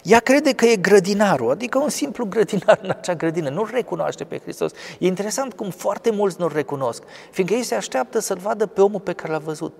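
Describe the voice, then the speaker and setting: A man explaining a scripture passage in conversation, scholarly and digressive, often pausing with fillers. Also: sits high, animated, creaky, darkish tone, big-room sound. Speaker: theologian commenting on scripture.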